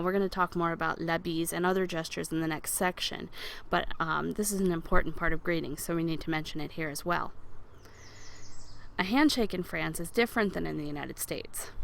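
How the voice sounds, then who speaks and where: A woman teaching a beginner French lesson, patiently explaining and modeling words slowly for learners to repeat. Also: lowish voice, creaky, a little hiss or hum. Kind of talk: recorded language lesson over slides.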